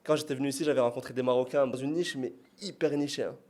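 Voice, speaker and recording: Male speaker, mid pitch, self-conscious and rambling, casual podcast chat. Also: steady tone, rapid-fire, darkish tone. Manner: hesitant, rambling, self-conscious, laughs at himself. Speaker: podcast guest and business partner.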